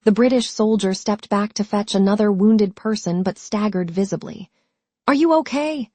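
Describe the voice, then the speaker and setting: A woman storyteller giving calm, measured scripted narration of a dramatic tale. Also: medium pitch, no echo.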